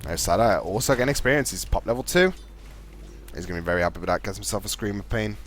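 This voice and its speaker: Guy doing quick esports play-by-play, lowish voice, bit of hiss behind. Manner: fast, chatty play-by-play talking to co-caster; calls his own voice monotone. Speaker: esports caster. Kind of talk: live game commentary.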